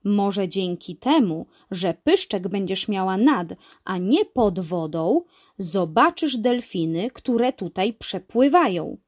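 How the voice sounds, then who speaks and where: Woman doing a bold cheerful uncle in a storybook, hearty, loud, slow, mellow tone. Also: medium pitch, animated. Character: brave, cheerful uncle leading a diving crew.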